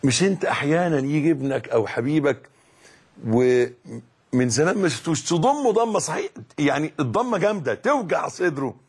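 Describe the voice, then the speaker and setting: A middle-aged man preaching in an Egyptian Arabic accent, with a husky, somewhat high voice. His pitch leaps and falls widely as he teaches, emphatic and dramatic, moving from near-hushed lines to forceful, raised ones. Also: animated, brisk. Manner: emphatic, dramatic swings between hushed and loud. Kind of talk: religious lesson.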